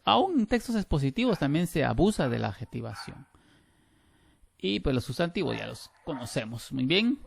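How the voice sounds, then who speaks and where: A middle-aged man, teaching a grammar class over a video call, lively and emphatic with frequent restarts. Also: on the high side, gravelly, a little hiss or hum. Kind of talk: online class lecture.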